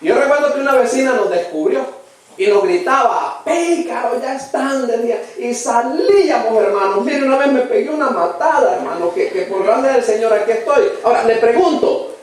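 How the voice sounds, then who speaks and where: A Salvadoran man preaches a sermon in a high, expressive, fairly quick voice, earnest and emphatic as he presses each point and constantly calls his listeners "brother." He's far from the microphone, and his voice echoes heavily through the church hall.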